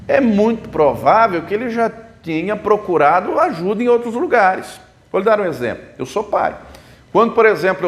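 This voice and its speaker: A man preaching a sermon as a pastor, explaining the Bible with rhetorical questions at a church service. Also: sits high. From Brazil.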